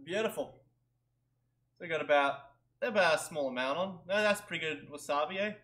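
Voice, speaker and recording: A man's voice: a little high, a little fast, a bit bright. A young man chatting casually to camera in a small bedroom, goofy and self-mocking, often ending sentences with "eh". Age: young adult. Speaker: vlogger.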